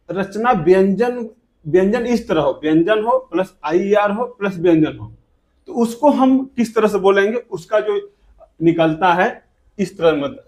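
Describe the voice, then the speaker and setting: High-voiced man teaching pronunciation. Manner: asks the class rhetorical questions and answers them himself; repeats example words slowly and deliberately. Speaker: English teacher. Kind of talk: classroom grammar lesson.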